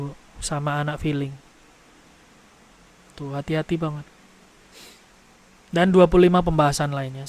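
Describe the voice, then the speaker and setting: A man giving a parenting seminar, telling stories to the audience in an animated way. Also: a little high. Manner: animated storytelling, addresses audience as "Bu". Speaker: parenting trainer.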